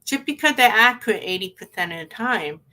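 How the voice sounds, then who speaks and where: A woman's voice: mid-range voice, lively intonation, a little fast, bright, forceful tone, poor audio. A woman hosting an intuitive reading livestream, musing aloud in a rambling way. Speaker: host of intuitive reading show. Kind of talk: casual livestream chat.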